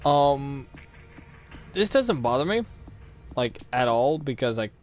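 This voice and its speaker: A man's voice: medium pitch, big pitch swings, takes it slowly. Cussing man telling a story, faint music. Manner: swears freely, laughs at his own story. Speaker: host. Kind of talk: casual storytelling.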